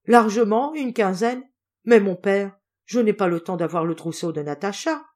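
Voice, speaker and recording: A woman's voice: lowish voice, normal speed, darkish tone, lightly acted. A woman doing a flustered mother.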